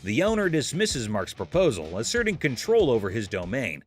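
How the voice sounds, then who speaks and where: A man tells a scripted comedy recap with an animated, up-and-down voice. He leans into jokey comparisons and playful exaggeration. Soft music plays faintly behind him. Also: mid-range voice, normal speed. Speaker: narrator.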